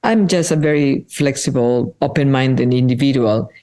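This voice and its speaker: A Peruvian artist whose first language is Spanish answers interview questions reflectively. Her voice is mellow and bass-deep, and she is thoughtful and earnest, often slowing down to weigh her words.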